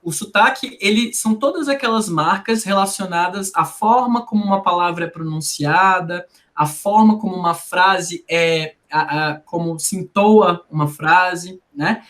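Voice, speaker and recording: Her pitch is fairly low and her tone a little bright, and she talks unhurriedly with few pauses. A linguistics researcher from Brasília with that city's Portuguese accent, she explains in a conversational interview, didactic and peppered with tag questions.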